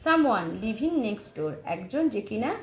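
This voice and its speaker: Woman, Bengali accent, English lesson, slow read-aloud sentences, animated pitch, echoey room. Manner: reads English sentences slowly, then translates. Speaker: English teacher. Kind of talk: textbook lesson explaining English words. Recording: roomy echo, faint background noise.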